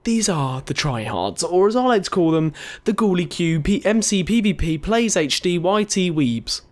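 A man's voice: high voice, expressive, moderate pace. A young male gaming YouTuber doing a casual countdown, ranting sarcastically and swearing freely, his speech slightly slurred by a dental retainer.

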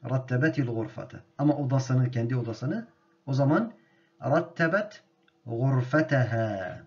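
Slow, deliberate male language teacher. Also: medium pitch, darkish tone, highs cut off. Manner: slow and deliberate, repeating each word for drilling. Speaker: Arabic grammar teacher. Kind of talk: grammar lesson with spoken drills.

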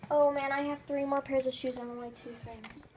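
High-voiced young woman, chatty, noisy home recording. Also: steady tone, normal speed. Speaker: vlogger's older sister. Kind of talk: casual home chat. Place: family home bedroom. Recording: clear background noise.

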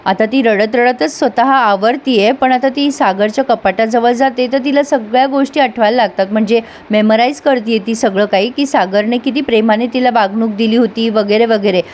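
A woman's voice: on the high side, moderate pace, hardly any pauses, darkish tone, a little hiss or hum. A woman reviewing a TV serial episode in a casual recap, chatting directly to her viewers.

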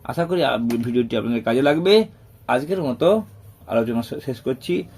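A man's voice: mid-range voice, expressive, normal speed, darkish tone, breathy edge. A man teaching a primary school lesson, patient and repetitive, counting items aloud. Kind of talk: classroom lesson explanation.

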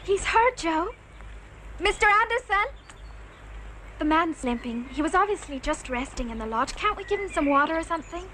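An actress playing a gentle, yearning young woman in a horror film. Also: extremely high pitch, expressive, moderate pace, exaggerated voice. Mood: concerned, kindly. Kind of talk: film acting. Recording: noisy film soundtrack, outdoor birdsong.

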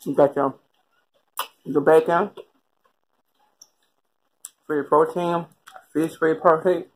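A woman's voice: low voice, fairly even intonation, slow pace, a little mellow, a little hiss or hum, low-quality recording. A woman chatting casually in an eating vlog, talking between bites with her mouth partly full. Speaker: vlogger.

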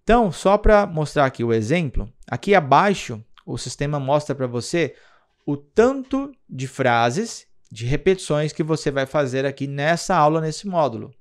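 Brazilian male teacher, somewhat high voice, patient tutorial delivery. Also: expressive, moderate pace. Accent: Brazilian Portuguese. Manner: patient, explanatory, checks in with "tá?" and "olha só". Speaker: English teacher. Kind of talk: screen-recorded app tutorial.

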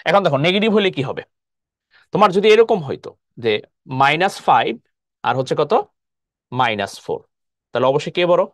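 A man's voice: a little high, big pitch swings, fairly quick, pauses often, fairly bright tone, no room sound. A man teaching a live online math lesson in Bangladeshi Bengali, explaining step by step and often checking whether students follow. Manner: explains step by step, keeps asking "clear?".

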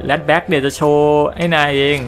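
A man casually commentating a video game he plays, explaining and translating the story and reacting excitedly to fights. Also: on the high side, moderate pace, soft background music. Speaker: gaming channel host. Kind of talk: casual let's-play commentary.

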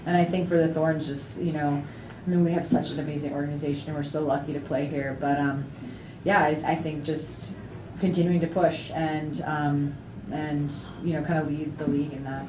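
A young woman with a low voice speaks at a post-game press conference. She sounds chatty and upbeat, with a lot of fillers. She is recorded from a distance in an echoey room. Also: level tone, normal speed. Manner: chatty, upbeat, laughs often, many fillers. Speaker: retiring soccer player. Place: indoor press room before a sponsor backdrop. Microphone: table mic on a stand, camera at a distance. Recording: echoey room, distant mic, faint noise.

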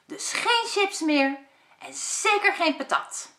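A woman voicing a bossy, sporty boy who lectures his brother about healthy living, in a loud, lively way. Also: extremely high pitch, takes it slowly, creaky, a little hiss or hum, pitched above the performer's own voice, full character voice. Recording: echoey room.

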